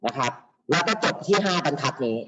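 A man who is a teacher, telling classroom stories in a lively way over a video call and acting out the voices of his students. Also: a little high, fast talker, over a noisy crowd, low-quality recording. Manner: animated, acts out students and teachers in quoted voices. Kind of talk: storytelling talk.

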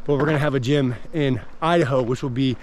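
Talking quickly at a medium pitch, this American gym owner in his thirties vlogs casually for his audience. The clip moves from a forest trail outdoors to the inside of a car, and the background noise of both settings comes through clearly.

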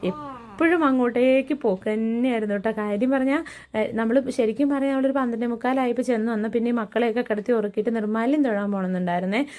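Chatty woman with a mellow voice. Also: on the high side, fast talker. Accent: Keralan Malayalam. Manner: chatty, often adds "kettō" tags. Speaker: vlogger, mother of a special-needs child. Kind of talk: casual storytelling to viewers.

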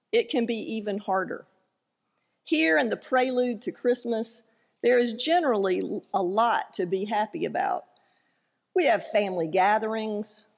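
A woman pastor preaches slowly and earnestly, her voice carrying a gravelly fry. She is recorded in a church sanctuary, and the sound trails off into a long hall reverb. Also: on the high side. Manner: measured, earnest delivery with light self-deprecating asides. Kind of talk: sermon with scripture reading.

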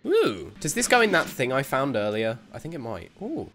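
A man's voice: mid-range voice, wildly swooping pitch, normal speed, fairly bright tone, faint music behind. A young man giving let's-play commentary on a horror game, jumpy and exclaiming, often laughing. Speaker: gaming youtuber.

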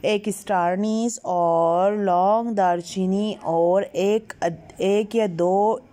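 A woman's voice: medium pitch, fairly even intonation, extremely slow, dark tone. A woman hosting her home cooking channel, chatting viewers through a recipe step by step in a voice-over. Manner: chatty, repeats "ये देखिए" while guiding viewers step by step.

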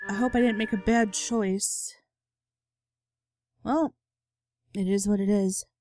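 A woman's voice: medium pitch, fairly even intonation, slow pace, dark tone, dry recording. A woman giving playful let's-play commentary, reacting with mock drama. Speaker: gaming YouTuber. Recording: game music underneath.

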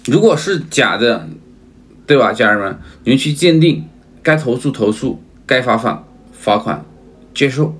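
A man's voice: mid-range voice, expressive, a little slow, a bit bright. Man, livestream seller, repetitive, emphatic, keeps asking viewers to agree. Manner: keeps addressing viewers as family, asks for agreement.

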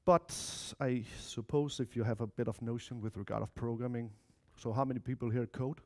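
A developer in his thirties, with a Danish accent and mixed Spanish-Danish background from Denmark or Spain, speaks fairly quickly in a dark, relaxed voice of ordinary male pitch. His informal tech talk, given in an indoor lecture room, is chatty, and he keeps turning to the audience with asides.

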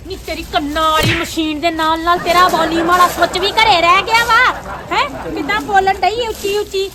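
A woman playing an overworked old mother-in-law who sighs, complains and keeps hushing others. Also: extremely high pitch, steady tone, a little fast, over a noisy crowd, heavy background noise. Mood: grumbling. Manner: sighing, complaining, hushes others.

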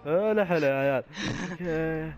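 A young man hosting a game video with friends. He is excitable and bursts into shouts and laughter as he gives the others orders. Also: a little high, a little fast, loud music behind the voice. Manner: excitable, shouts and laughs while bossing his friends around. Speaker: gaming YouTuber host. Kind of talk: Minecraft let's-play commentary with friends.

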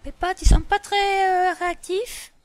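A woman voicing a patient, slightly muddled female animal schoolteacher in a toy play, slow and didactic with many fillers. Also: very high voice, steady tone, dry recording. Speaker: teacher. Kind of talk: toy role-play lesson.

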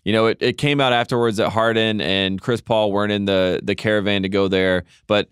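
A man's voice: on the low side, steady tone, fairly quick, clear, resonant tone, dry recording, clean studio sound. A man co-hosting a podcast, telling stories in a wry, joking way in casual chat. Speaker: podcast co-host.

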